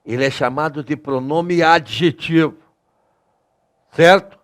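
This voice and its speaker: A man's voice: fairly high pitch, measured pace. A man with a Brazilian Portuguese accent teaching grammar in a recorded lesson, emphatic and constantly checking in with his students. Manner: lively, emphatic, addresses students with many tag questions.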